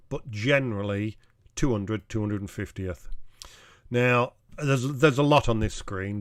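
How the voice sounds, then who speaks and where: A middle-aged man, a camera club president, explaining photography to club members in a plain, measured way with pauses and restarts. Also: mid-range voice, no room sound, studio quality.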